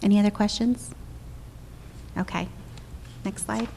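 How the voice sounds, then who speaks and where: A woman's voice: medium pitch, fairly even intonation, a little slow, vocal fry, dark tone, a little hiss or hum. A middle-aged woman, a controller, giving a businesslike budget presentation and taking audience questions, with frequent fillers and restarts.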